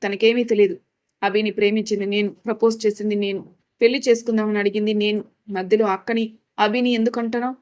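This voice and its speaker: A woman's voice: mid-range voice, flat delivery, fairly quick, darkish tone, natural voice. A woman voicing a spirited young woman who firmly pleads with her parents to let her marry in a storybook reading. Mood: pleading. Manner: pleading yet firm.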